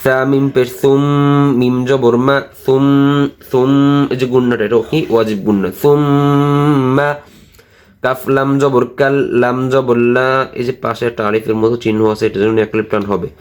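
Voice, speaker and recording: A man teaching Quran reading, spelling out each syllable slowly and patiently in a recitation lesson. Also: medium pitch, steady tone. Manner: slow, drawn-out syllable-by-syllable teaching.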